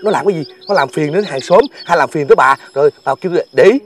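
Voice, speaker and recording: A man's voice: fairly high pitch, soft background music, natural voice. An actor playing a busy village father who keeps brushing people off, in a TV folk-tale drama. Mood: impatient. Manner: hurried, brushing off, dismissive. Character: busy, impatient village father, middle-aged man.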